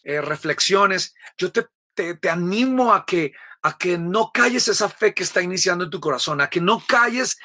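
A man delivers an earnest sermon-style reflection and retells the story while speaking directly to the listener. His voice is bright and forceful and sits slightly high. He keeps an intimate, persuasive tone. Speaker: preacher.

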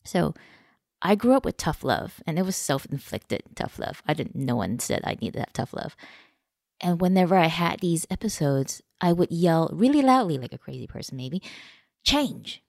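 A woman's voice: low-pitched, very animated, moderate pace, vocal fry, darkish tone, no echo, studio quality. A woman podcast host, telling a candid personal story in casual conversation.

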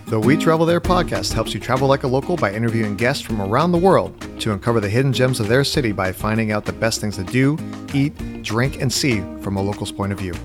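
A man's voice: mid-range voice, lively intonation, fast talker, music in the background. A man hosting a travel podcast, upbeat and enthusiastic as he asks his guest questions. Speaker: podcast host. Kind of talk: podcast interview.

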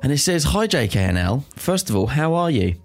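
On a casual podcast, a male co-host reads listener confessions aloud, giggling and breaking into laughter as he goes. His voice is fairly high, sing-song, and brisk.

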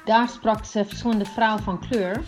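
A woman's voice: mid-range voice, steady tone, moderate pace. Woman host reading an upbeat intro. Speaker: podcast host. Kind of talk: scripted introduction. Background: music.

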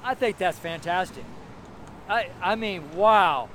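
A street preacher in his seventies speaks slowly in a high, fairly bright voice. His informal sermon wanders, with exclamations and repeated phrases for emphasis, and his strong voice carries over the traffic and street noise of the surrounding city buildings.

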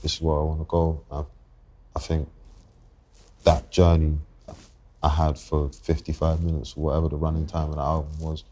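Appearing as a guest rapper on a podcast, this Londoner in his 20s has a very deep voice that stays level and even, with a little hiss or hum in the background. He thinks aloud reflectively and haltingly, restarting sentences as he works out what he means.

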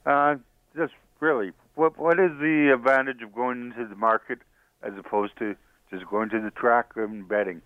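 A man's voice: mid-range voice, fairly even intonation, moderate pace, no echo. A man calling in to a radio show over a phone line, asking a wry, joking question.

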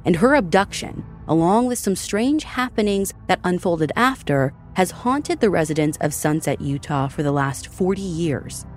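A woman hosting a podcast, narrating a true-crime story from a script in a measured, dramatic way. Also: lowish voice, animated, faint music behind.

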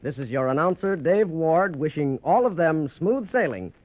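A man closing an old radio adventure show as its announcer. He speaks in a measured, even sign-off manner. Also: fairly high pitch, dry recording. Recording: dull, dry old radio broadcast recording.

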